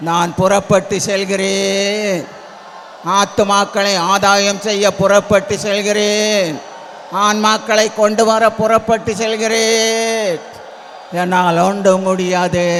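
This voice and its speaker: A man's voice: sits high, a bit bright. A man with a Tamil accent preaching and leading a pleading, repetitive prayer as a pastor in a church prayer hall. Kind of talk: sermon and loud congregational prayer. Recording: long hall reverb with faint ambient noise.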